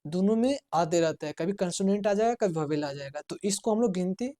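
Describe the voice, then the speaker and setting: Speaking a little fast, a spoken English teacher with a high-pitched, dark-toned voice runs a classroom lesson in Hindi. He keeps quizzing students and answering for them, repeating the key words and pressing everyone to write them down.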